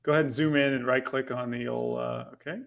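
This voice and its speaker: A man co-hosting a casual talk show, laughing often and talking in a brisk, playful way. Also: mid-range voice, fairly even intonation, creaky. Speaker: co-host. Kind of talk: casual chat.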